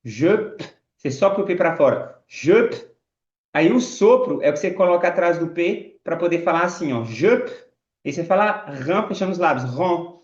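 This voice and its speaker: A man's voice: on the high side, lively intonation, dull audio. French man teaching pronunciation, roomy sound. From France. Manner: slow, drawn-out model phrases, repeated drills. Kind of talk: pronunciation lesson.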